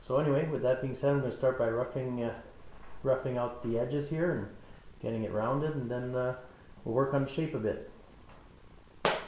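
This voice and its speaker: A man with a mid-pitched voice talks casually as a woodturner presenting from his shop. The recording is roomy, with clear noise behind him. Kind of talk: casual workshop narration. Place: workshop. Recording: roomy, noisy workshop, no external mic.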